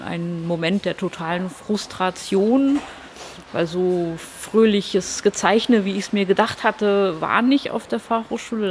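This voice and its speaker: A woman's voice: fairly low pitch, a little hiss or hum. A woman from Hamburg, a comic artist, telling her story in an interview in a reflective way with hesitant fillers. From Hamburg, Germany.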